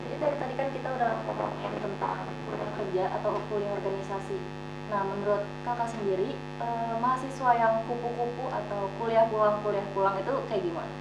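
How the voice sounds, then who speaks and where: A woman's voice: mid-range voice, animated, a little fast, vocal fry. A young woman hosting a casual interview, friendly, asking short questions, with a distant roomy sound. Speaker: host. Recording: roomy distant mic, dull, noticeable hum.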